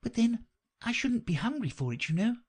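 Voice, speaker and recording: A polite, curious little girl asks her careful questions in a high, lifted voice, as a man narrator puts her on. Her tone swoops widely, and the sound has a slightly husky edge. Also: big pitch swings, moderate pace, heavily acted.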